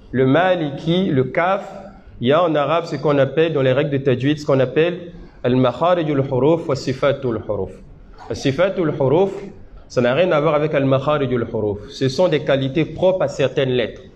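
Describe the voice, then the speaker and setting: Man, religious teacher, slow demonstrations, faint background noise. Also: fairly high pitch, darkish tone. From Côte d'Ivoire. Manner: explains patiently, checks with the audience, demonstrates Arabic sounds slowly. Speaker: Islamic teacher. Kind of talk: religious teaching and Quran recitation lesson. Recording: dull lo-fi seminar recording with faint noise.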